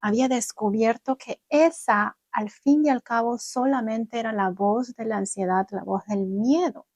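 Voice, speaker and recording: A young adult woman vlogging, telling viewers about her own experience in an animated way and acting out what she once said. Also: on the high side, a little slow, no echo. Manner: animated, acts out her own past words. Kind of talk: personal storytelling to viewers.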